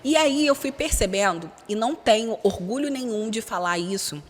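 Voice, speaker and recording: A Brazilian woman speaks as a podcast guest in a fairly high voice, frank and expressive, slipping into the voices of the people she quotes. Her words carry a long reverb from the studio around her. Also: normal speed. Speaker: guest, relationship mentor and speaker. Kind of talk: candid podcast interview talk. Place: recording studio.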